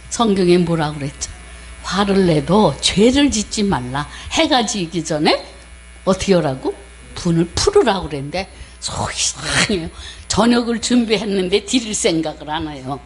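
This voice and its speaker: Preaching a sermon built around a personal story, a woman missionary speaks animatedly at a medium pitch. She acts out the voices of the people she quotes and clears her throat often.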